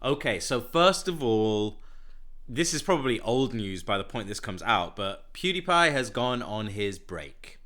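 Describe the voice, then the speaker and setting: A man's voice: on the low side, very animated, unhurried, bright, forceful tone. A man hosting a podcast in casual chat, teasing and rambling, sounding a little nasal. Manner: chatty, teasing, rambling with fillers. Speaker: podcast host.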